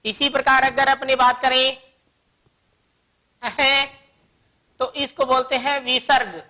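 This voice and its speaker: A woman with a high voice teaches a grammar lesson for young children. She speaks slowly and patiently, working through one example after another. The recording sounds dull and lo-fi. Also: steady tone. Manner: slow, patient explaining with many examples.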